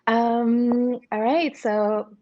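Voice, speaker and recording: A woman's voice: on the high side, steady tone, very slow, muffled recording. A woman singer-songwriter from Morocco, raised in Canada, talking candidly as a guest on a casual show. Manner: candid, reflective, with small laughs and fillers. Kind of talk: casual interview chat.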